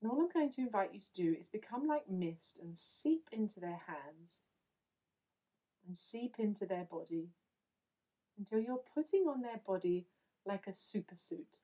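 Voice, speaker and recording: A woman guides a listener through a visualization. Her voice is mellow and warm at a middle pitch. She talks slowly and gently, giving calm step-by-step instructions. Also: rough recording. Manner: slow, soothing, instructive. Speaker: meditation guide.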